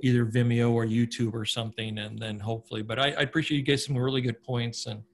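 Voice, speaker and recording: Guy doing interview, earnest n chatty, average pitch, bit of background noise. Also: level tone, quick pace. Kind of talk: casual interview talk.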